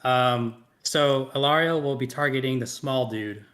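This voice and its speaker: A man's voice: mid-range voice, unhurried, fairly bright tone. A man playing a tabletop role-playing game, thinking aloud about strategy in casual talk. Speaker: player.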